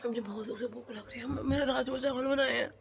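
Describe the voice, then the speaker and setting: A young woman, sick with a blocked nose, chatting casually in a home vlog and scolding loudly at times. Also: a little high, steady tone, fast talker, vocal fry. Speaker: vlogger. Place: at home, indoors.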